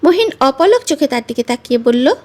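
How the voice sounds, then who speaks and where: Woman storyteller, high voice, expressive measured reading, scripted narration.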